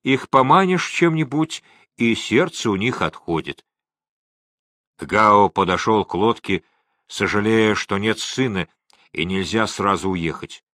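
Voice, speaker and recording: A man reading a novel aloud as audiobook narrator, slow and expressive. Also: fairly low pitch, no room sound, clean studio sound. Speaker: audiobook reader.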